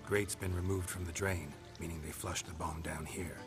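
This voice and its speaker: Very deep, deadpan monster hunter, played by a man. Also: moderate pace, over music, natural voice. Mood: terse, deadpan. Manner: terse, deadpan. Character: stoic, sardonic middle-aged male monster hunter.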